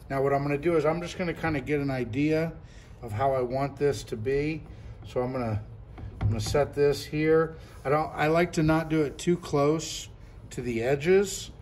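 Seated at a table in a classroom, a product reviewer in his fifties demonstrates an item informally, talking through each action and repeating himself. His mid-range voice is slightly mellow, and a little hiss or hum sits underneath.

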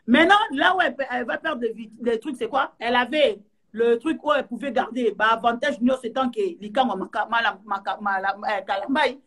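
Husky, fairly high woman, rambling live-chat commentary. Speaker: live stream participant.

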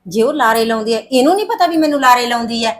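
An actress playing a middle-aged sister who briskly brushes off worries and reassures, in a short film drama. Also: female voice, on the high side, lively intonation, close to an everyday voice.

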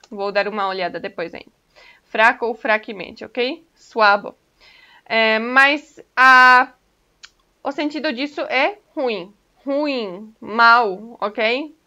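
Bright-voiced woman teaching a language. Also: fairly high pitch, slow, long pauses. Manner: patient, explains step by step, often checks in with "ok?". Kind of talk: casual online language lesson. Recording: dull lo-fi recording.

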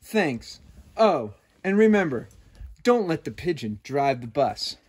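A man playing a friendly, brisk male bus driver from a storybook, addressing the listener directly. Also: on the high side, sing-song, breathy edge, pitched below the performer's own voice, heavily acted.

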